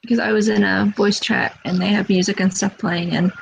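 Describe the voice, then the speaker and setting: A woman in a casual group chat, telling stories in a rambling, quick way. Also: medium pitch, fairly even intonation, creaky, slight background noise, rough recording. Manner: rambling storyteller, quick asides.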